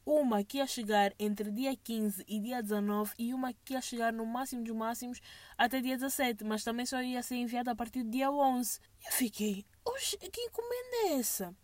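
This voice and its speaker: Animated high-voiced young woman. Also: moderate pace, no echo. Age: young adult. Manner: animated, mixes English phrases into Portuguese. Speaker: vlogger. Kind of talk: casual storytime monologue.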